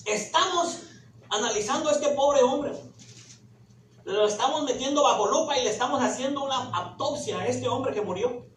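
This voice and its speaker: Male preacher, loud soapbox-style sermon ranting, emphatic rhetorical questions, roomy echo with some background noise. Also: extremely high pitch, normal speed. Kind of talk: fiery Pentecostal-style sermon. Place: echoey church room. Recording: echoey hall, distant mic, background noise.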